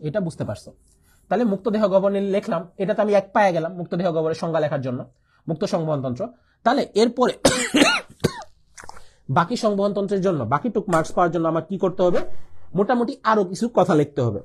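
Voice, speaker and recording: A man's voice: sits high, animated, fast, pauses often, darkish tone, slight background noise. A young man with a Bangladeshi accent giving an exam-prep biology lesson, asking questions and answering them himself, repeating key points and coughing often. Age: young adult. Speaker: biology tutor. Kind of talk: online exam-prep lecture.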